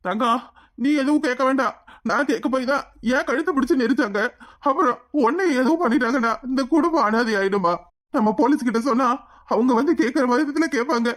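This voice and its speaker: A man's voice: very high voice, brisk, a bit bright. A man voicing a grieving old village husband, with a wailing, tearful way of talking in a cartoon. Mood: pleading. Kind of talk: cartoon voice acting.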